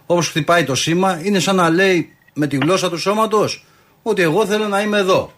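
A Greek man co-hosting a sports radio show lays out his view step by step. His voice sits a little higher than most men's, and he stays measured and calm. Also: background noise. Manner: measured, explanatory, calmly reasoning.

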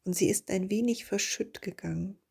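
A woman hosting a reflective spiritual podcast, speaking slowly and softly and dropping into whispers on her key questions. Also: mid-range voice. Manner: slow, soft and breathy, drifting into whispers on key questions. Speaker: podcast host and coach.

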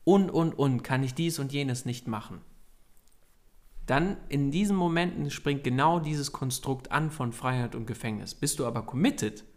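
An earnest young man co-hosts a casual coaching podcast. He talks straight to the listener with mid-range pitch, working through his points with fillers and restarts. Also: moderate pace. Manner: earnest, urges listeners directly. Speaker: podcast co-host.

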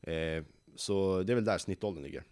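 19 yr old guy, founder, chatty storyteller, lowish voice, dry close sound. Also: clear, resonant tone, no room sound. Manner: lively storyteller who acts out quoted voices. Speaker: young company founder, guest. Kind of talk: casual podcast interview.

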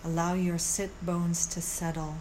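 A woman who teaches meditation guides a mindfulness practice in a soothing, gentle way, with measured pauses, like a calm yoga teacher. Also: fairly low pitch, slight background noise, low-quality recording. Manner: unhurried, measured, with long pauses.

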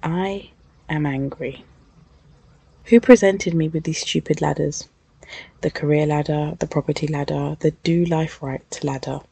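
Podcast host: low, gravelly woman, husky and croaky from a cold, candid and reflective. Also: normal speed, no room sound. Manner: thoughtful and candid, soft breathy delivery in places. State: has a cold, sniffly.

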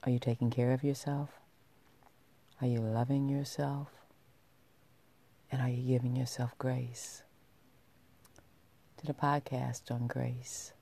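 A woman podcast host narrates in a sultry, soft voice. Her tone is dark and mellow, and she takes her time, leaving deliberate pauses between phrases. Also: a bass voice, flat delivery, vocal fry.

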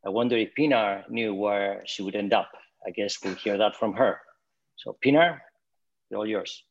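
A man with a fairly low voice opens an online event as its moderator. He introduces the guest in a measured, formal way. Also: lo-fi sound. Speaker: program director and moderator.

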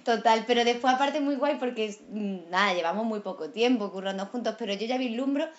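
A woman with an Andalusian accent chatting casually, a lively storyteller who laughs often and keeps saying "you know". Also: a little high, brisk. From Andalusia, Málaga. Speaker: guest actress. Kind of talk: casual chat. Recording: dull lo-fi sound.

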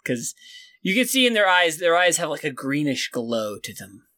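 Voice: medium pitch, very animated, moderate pace, bright, forceful tone, no echo. A game master improvising narration for a tabletop game, casually talking with the players.

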